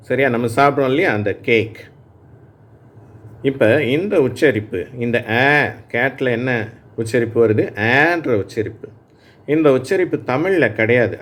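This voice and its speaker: A man teaching English phonics in Tamil, saying words aloud for learners to repeat and often checking that they follow. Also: medium pitch. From Tamil Nadu, India. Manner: explains slowly, checking in with "சரியா?". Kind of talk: Tamil-language phonics lesson.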